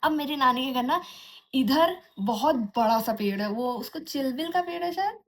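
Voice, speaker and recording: A woman's voice: high voice, animated, normal speed, a bit bright. A young woman vlogger casually telling a horror story from her own life. She talks in a chatty way, restarts often and mimics eerie sounds like jingling anklets and giggles. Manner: chatty, restarts often, mixes in English words.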